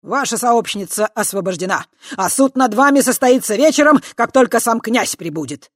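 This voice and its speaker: A reader voicing a pompous, gloating male spirit who guards a magic prison, loud and blustering. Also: mid-range voice, lively intonation, moderate pace, no echo, studio quality, voice pushed up. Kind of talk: audiobook character voice.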